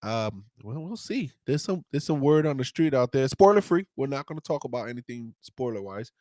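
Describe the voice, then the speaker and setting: A man co-hosting and producing a casual podcast, excitable, laughing often and repeating his words. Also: medium pitch, brisk, dry recording.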